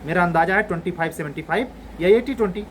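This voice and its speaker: A man's voice: sits high, rapid-fire, slight background noise, low-quality recording. Blunt, exasperated man lecturing students. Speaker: exam coaching teacher. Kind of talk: scolding lecture to exam aspirants.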